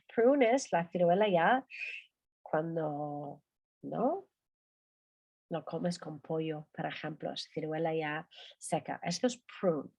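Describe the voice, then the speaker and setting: Woman, language teacher, unhurried delivery, animated pitch, repeats words as drills. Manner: drills words by repeating them slowly, then explains. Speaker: English teacher. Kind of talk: online language class.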